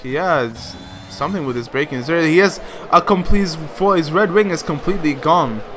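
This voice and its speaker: A man commentating a sim racing league race, excitable and full of fillers. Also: on the high side, brisk, crowd noise.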